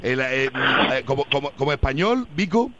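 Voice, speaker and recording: A man from Spain hosting a radio show, chatting casually with his guest, teasing and questioning with halting restarts. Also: mid-range voice, expressive, pushed and bright, a little hiss or hum. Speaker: radio host. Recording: dull lo-fi radio sound.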